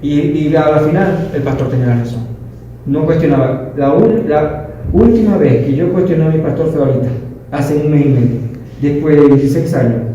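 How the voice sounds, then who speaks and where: A man's voice: on the high side, fairly quick, dark tone, dull audio, a little hiss or hum. A man in his thirties giving a personal testimony to a class, telling it emphatically and often correcting himself mid-sentence. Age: 30s. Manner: emphatic, storytelling, self-correcting. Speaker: leadership class participant. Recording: very echoey room, distant mic.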